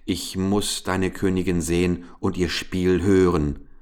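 A man's voice: low voice, level tone, measured pace, a little mellow, smooth. A man voicing a kindly, curious traveling king who speaks earnestly and courteously, read aloud from a fairy-tale book. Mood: eager. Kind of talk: storybook reading.

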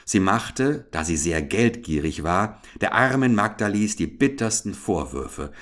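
A man reading a children's fairy tale aloud in a calm, old-fashioned storytelling manner. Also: lowish voice, measured pace. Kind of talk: scripted fairy tale narration.

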